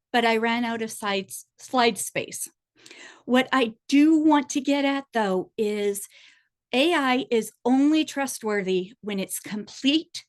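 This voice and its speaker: A woman giving a conversational, explanatory webinar presentation, asking for the next slide as she goes. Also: fairly high pitch.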